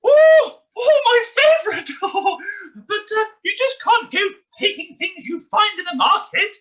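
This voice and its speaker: A woman's voice: very high voice, animated, a little slow, bright, forceful tone, muffled recording, heavily acted. A woman playing a fussy, doting pantomime mother, a poor widow, with theatrical exclamations in comic stage style. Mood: delighted.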